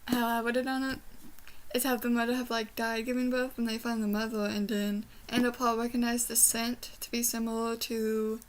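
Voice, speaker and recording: In a small indoor bedroom, a young woman book reviewer chats casually through a rambling review vlog. Her voice is a little high and flat, moving at a moderate pace, and she has trouble with her R's, which come out sounding like W's.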